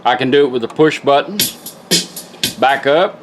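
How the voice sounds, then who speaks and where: Over music from a car radio, a man with a mid-range voice at normal speed demonstrates a product. He restores car radios and walks through it hands-on in a casual, folksy, plain-spoken way.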